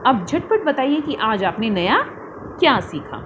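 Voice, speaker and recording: A woman's voice: fairly high pitch, very animated, background noise. A woman teaching young children in an online lesson, calling them fondly and stretching out words as she drills pronunciation. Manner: slow, drawn-out pronunciation drills; addresses children fondly as "beta".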